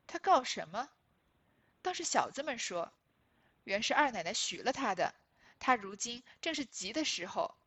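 A woman voicing a shrewd, sharp-tongued young noblewoman who feigns hurt, reading classic novel dialogue aloud with theatrical emphasis. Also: fairly high pitch, husky, heavily acted.

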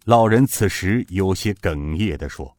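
A male narrator tells the story in a fairly low voice that rises and falls freely. He shapes each sentence with expressive, storytelling emphasis. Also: a little slow, dry recording, studio quality. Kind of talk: audiobook narration of a martial-arts novel.

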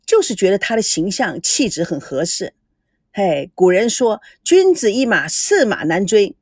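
A man's voice: high-pitched, big pitch swings, measured pace, darkish tone, husky, no echo, clean studio sound, exaggerated voice. A woman voicing a teasing older brother who runs a TV program.

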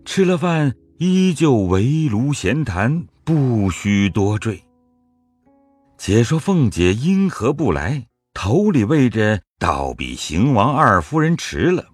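Husky-voiced narrator of an audio drama. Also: male voice, on the low side, no echo. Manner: storytelling, measured.

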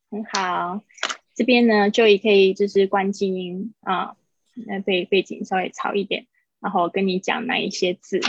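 A woman teaching English pronunciation on a livestream, explaining patiently and repeating words slowly for her students. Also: medium pitch, muffled recording, a little hiss or hum.

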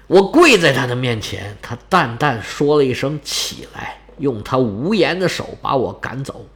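A man voicing a gloomy, grave Roman general who talks in a heavy, slow, resigned way, in a Chinese storytelling performance. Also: mid-range voice, pitched below the performer's own voice.

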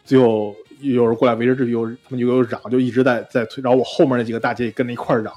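A man co-hosting a casual chat podcast, telling a story with animated mimicry and many restarts. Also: medium pitch, very fast, soft background music. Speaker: podcast co-host.

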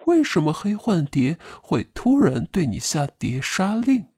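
A woman's voice: fairly low pitch, sing-song, unhurried, darkish tone, slightly rough, dry recording, clean studio sound, full character voice. A woman voicing a sinister clown puppet assassin with a distorted, eerie voice, taunting and giggling. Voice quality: distorted, eerie, ugly processed voice. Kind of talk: audiobook drama voice.

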